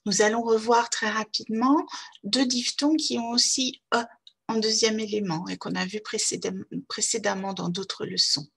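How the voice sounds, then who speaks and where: A woman's voice: fairly high pitch, fairly even intonation, moderate pace, gravelly, fairly bright tone, husky. A woman pronunciation teacher, speaking in a patient, carefully articulated way as she repeats model words. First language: French.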